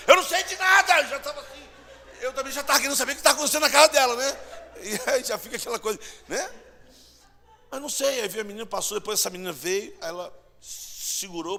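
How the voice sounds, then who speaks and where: A man preaching a sermon in a church, telling stories, swinging between loud bursts and hushed asides. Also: a little high, vocal fry. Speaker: pastor. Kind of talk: sermon with storytelling. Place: church hall. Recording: church hall reverb, mic at distance.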